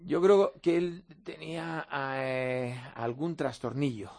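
A man hosting a radio chat, speaking in a measured, slightly hesitant way. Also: on the high side, a little mellow. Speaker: radio host.

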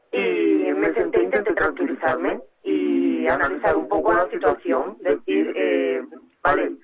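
Mujer, voz alterada y grave, sonido de radio apagado, ruido de gente detrás. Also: female voice, muffled recording. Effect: voice distorted and pitched down to hide her identity. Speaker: mother interviewed as radio guest. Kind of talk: personal account in a radio interview.

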